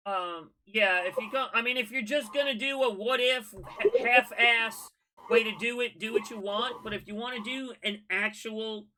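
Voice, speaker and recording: A man with a drawl hosts a laid-back scale modeling livestream. His voice sits high and sounds sharp and bright, with a faint hiss of noise behind it. He chats and gives advice in a folksy way. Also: normal speed. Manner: relaxed, folksy, advice-giving. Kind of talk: casual livestream chat.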